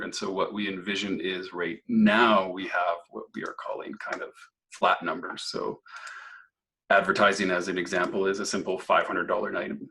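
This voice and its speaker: A slightly hoarse man, presenting a software walkthrough webinar and explaining features step by step. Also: sits low, low-quality recording. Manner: explanatory, clears throat often.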